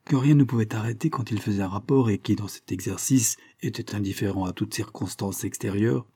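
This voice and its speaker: A man reading a detective novel aloud as an audiobook, in a steady, even way. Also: on the low side, brisk, breathy edge, no room sound. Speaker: audiobook reader. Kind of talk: scripted narration.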